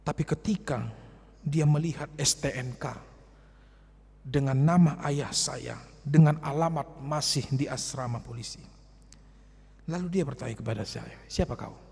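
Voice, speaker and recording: A man preaching a sermon as pastor, telling a personal story in a hushed voice and then building to loud, passionate exhortation. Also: mid-range voice, a little slow, vocal fry, pauses often, slightly rough. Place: church. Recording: church hall reverb.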